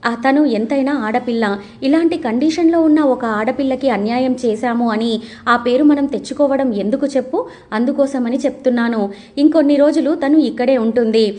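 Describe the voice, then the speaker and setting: A woman voicing a father who gently persuades his daughter. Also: high voice, moderate pace, lightly acted. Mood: persuasive.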